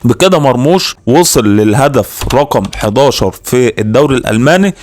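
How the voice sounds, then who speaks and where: Male Egyptian football video host, informal, quick delivery, dry close sound. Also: medium pitch, expressive, a little mellow, dry recording. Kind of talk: informal sports commentary voice-over.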